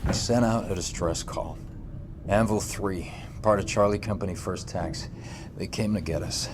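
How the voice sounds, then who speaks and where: Low-voiced, defiant army sergeant. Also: male voice, normal speed, background noise. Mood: grim, subdued. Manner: terse, exasperated, urgent. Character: weary, defiant male army sergeant pleading his case. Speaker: soldier under interrogation. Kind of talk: dramatic video game acting.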